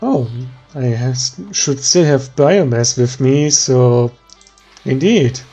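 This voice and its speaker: A German-accented man talks through his gameplay at an unhurried, sleepy pace, trailing off into ums as he thinks aloud. His voice sits at an ordinary middle pitch. Soft game music plays faintly underneath. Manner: slow, thinking aloud with many ums and pauses. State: tired, yawning. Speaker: let's play commentator. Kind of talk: relaxed gameplay commentary.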